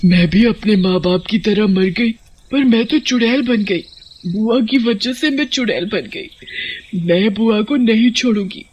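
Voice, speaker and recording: A woman voicing a vengeful young female witch ghost in a cartoon, with a husky, bitter, menacing way of talking. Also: medium pitch, a little slow, darkish tone, lo-fi sound, lightly acted.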